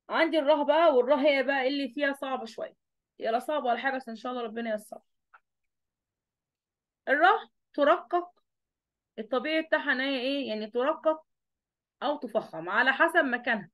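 A woman's voice: high-pitched, fast, pauses often. A woman teacher with an Egyptian Arabic accent giving an online review lesson, asking questions and answering them herself.

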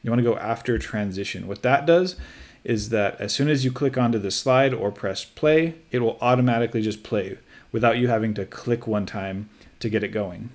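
A man who is a teacher, calmly talking through a screen-recorded software tutorial step by step, with light joking asides. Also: lowish voice, normal speed.

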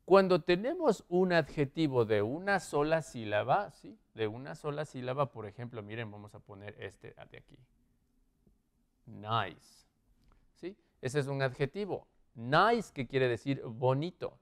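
Here a male English teacher speaks at medium pitch, a little slowly, with lively intonation. During the lesson he moves around writing on the board and regularly checks with students using "¿sí?" and "¿ok?".

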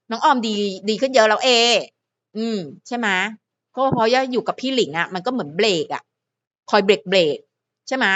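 A woman's voice: fairly high pitch, a bit bright, muffled recording. A woman hosting her own fan channel, chatting playfully to viewers and to herself in a casual solo vlog.

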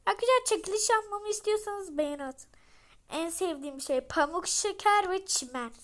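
A young girl hosting a casual game showcase vlog, chatty and rambling with many fillers, talking loudly so she can be heard. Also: very high-pitched, lively intonation, normal speed. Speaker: channel host.

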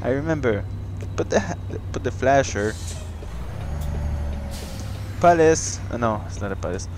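A man's voice: medium pitch, lively intonation, measured pace, background noise. A young man casually commenting on his truck-driving gameplay, rambling playfully and talking to the game as he drives. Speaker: gaming channel host.

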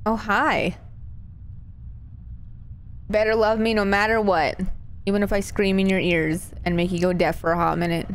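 A woman streamer giving casual live commentary on a horror game, nervous and scared, with playful, sweary reactions. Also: medium pitch. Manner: sweary, exclamatory; playful, jokey asides.

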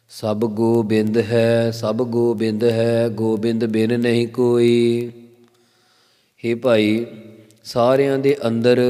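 Man explaining holy verses real slow, dark mellow voice, long echo tail. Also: mid-range voice. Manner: intones verse lines slowly, then explains them. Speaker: Sikh scripture expounder. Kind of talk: slow devotional scripture exposition. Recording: long reverb.

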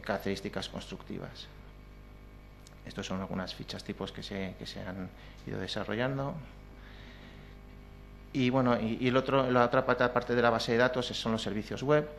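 A man with a Spanish accent gives a technical conference talk in a lecture hall with projected slides, sounding hesitant with many fillers and restarts. His voice is lowish and gravelly, and a little hiss or hum is audible.

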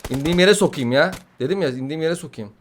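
A man giving casual, excitable gameplay commentary, swearing, joking and trash-talking his opponents. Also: on the high side, fast, slight background noise. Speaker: gaming YouTuber.

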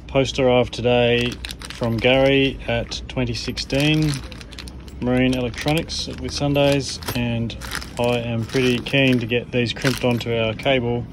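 A man with a mid-range voice speaks a little slowly and evenly, narrating his sailing vlog in a dry, tired, wry way. He films himself close up on a handheld camera aboard a sailboat in a marina, and wind and ambient noise come through outdoors.

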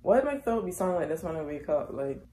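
A young woman vlogging at home, talking loosely and upbeat with plenty of "like"s. Her voice sits a little low, and a faint ambient hum runs under it. The sound is a phone camera held at arm's length in a small apartment. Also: big pitch swings, fast talker, dark tone. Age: young adult. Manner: chatty, filler-heavy, upbeat. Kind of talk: casual vlog chat to camera.

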